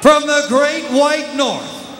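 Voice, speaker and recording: A man announces fighters in a showy, drawn-out lucha libre manner. His voice is very high and slow, with stretched names and bilingual flourishes. It rings out over an echoey arena PA with some noise. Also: fairly bright tone. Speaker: ring announcer.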